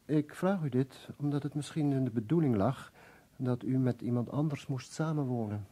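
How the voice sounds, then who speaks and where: Actor as husky pedantic radio play questioner. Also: male voice, mid-range voice, normal speed, mellow, close to an everyday voice. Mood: suspicious, questioning. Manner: probing, pedantic, dry. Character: pedantic, suspicious man who questions his companion. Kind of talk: old radio drama acting.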